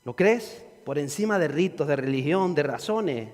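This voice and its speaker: A man, preaching a fervent sermon as pastor, repeating his phrases and rising to shouts. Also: a little high, lively intonation, moderate pace, big-room sound.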